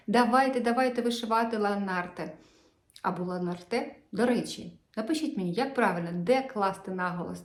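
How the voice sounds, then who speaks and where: A woman's voice: mid-range voice, reverberant. A woman vlogging about cross-stitch, chatting casually and enthusiastically as she shows her work to viewers.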